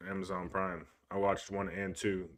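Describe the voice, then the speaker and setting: A young man of Cuban heritage co-hosts a podcast, his low voice flat and paced normally. He chats casually, rambling in a laid-back way and swearing often.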